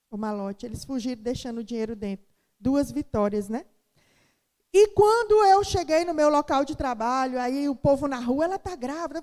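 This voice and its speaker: A woman's voice: high-pitched, mellow. A middle-aged woman pastor from Brazil giving a sermon testimony, telling her story dramatically and acting out the voices of the people in it. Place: church. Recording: long hall reverb.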